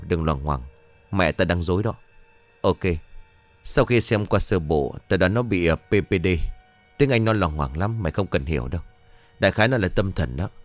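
A man's voice: low-pitched, dry recording. A man voicing a cool-headed psychiatrist who explains things bluntly and offhandedly.

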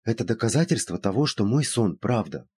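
A man's voice: on the low side, big pitch swings, a little fast, darkish tone, breathy edge, pitched above the performer's own voice, full character voice. A man voicing an anxious widowed woman who speaks in an earnest, pleading way. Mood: insistent.

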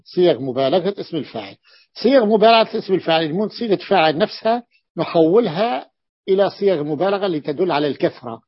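A man teaching Arabic morphology in a classroom lesson, often repeating terms and pausing on drawn-out fillers. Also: a little high, breathy edge. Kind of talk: classroom lesson explaining a text. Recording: dull lo-fi lesson recording.

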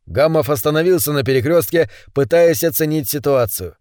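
A male narrator with a slightly raised voice reads a grim story in measured, tense tones. The recording is close and dry, with no room sound. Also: fairly high pitch, lively intonation, darkish tone, dry recording. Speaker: audiobook narrator.

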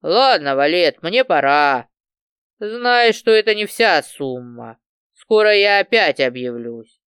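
A woman voicing a cocky armed male thug who mocks and threatens in a loud, lowered, drawn-out voice. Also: lively intonation, smooth, dry recording, studio quality. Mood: threatening. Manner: sneering, threatening.

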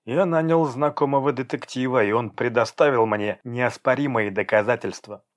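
A man's voice: mid-range voice, moderate pace, natural voice. A man reading an audiobook, voicing a stern, domineering man who speaks in curt commands. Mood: commanding. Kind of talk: audiobook character voice.

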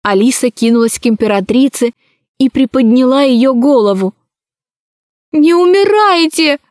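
A woman narrating a children's adventure story in an expressive, dramatic reading. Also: a little high, normal speed, no echo, studio quality.

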